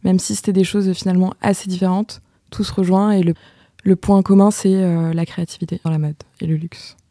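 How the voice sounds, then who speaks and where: A woman in her twenties talks through her plans in a measured, halting way, pausing on fillers. Her voice sits a little low, with a very mellow, dark tone. The recording is close and dry. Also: flat delivery, dry recording. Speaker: fashion communication student. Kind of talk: casual spoken testimony.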